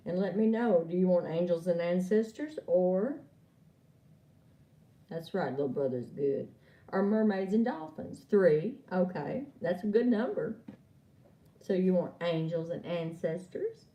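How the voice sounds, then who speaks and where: A woman's voice: on the low side, expressive, a little slow, highs cut off. A woman giving an oracle card reading on a live stream, chatting and laughing with viewers she calls by name. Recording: echoey room, far from mic.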